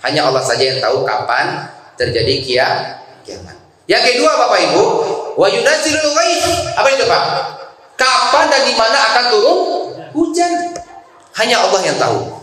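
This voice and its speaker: A middle-aged man with a West Sumatran accent giving a lively Ramadan sermon, often asking his congregation questions. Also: extremely high pitch, moderate pace, long pauses. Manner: animated, conversational, asks the congregation questions. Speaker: preacher. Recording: very echoey hall.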